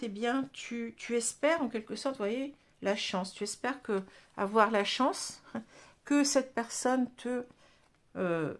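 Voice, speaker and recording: A woman with a French accent giving a casual tarot reading, chatty, with many restarts and tag words. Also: fairly high pitch. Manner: chatty, frequent "hein" and restarts. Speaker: tarot card reader.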